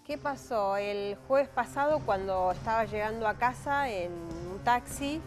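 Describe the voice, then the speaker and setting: A woman's voice: mid-range voice, expressive, a little slow, soft background music. A woman with a Rioplatense Spanish accent telling of a recent robbery on a TV show, in an emotional and vivid way. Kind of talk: personal account on a talk show.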